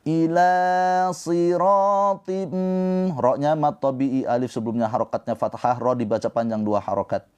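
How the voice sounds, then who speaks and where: A man teaching Quran recitation rules in a livestream lesson, explaining slowly and then chanting verses in a drawn-out melodic voice. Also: medium pitch, fairly even intonation, darkish tone.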